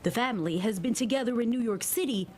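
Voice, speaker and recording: A woman reporter voices a scripted news package, with a somewhat high pitch. She keeps a measured, even broadcast delivery. Every sentence is written out and smoothly read.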